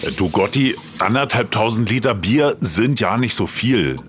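A relaxed, dry-witted man riding along in a car, his voice carried over a hands-free speakerphone so it sounds a little distant,. He speaks low and lively, with a faint hiss of road noise behind him. The scene belongs to a radio comedy sketch. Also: normal speed. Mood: teasing. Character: adult man riding in a car, joining a call. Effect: heard over a car speakerphone call.

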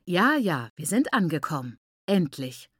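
Stern older patriarch read by a woman, commanding, questioning, low voice, dry sound. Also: sing-song, a little slow, fairly bright tone, husky, dry recording, full character voice. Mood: brisk. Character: stern older male family head.

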